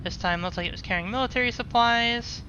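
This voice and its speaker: A woman gaming video host talks through her gameplay live, explaining each command and move in the moment. Her voice is a little high, quick, and sharp in tone, with slight background noise. The sound is muffled and narrow-band, with game music and engine sounds underneath.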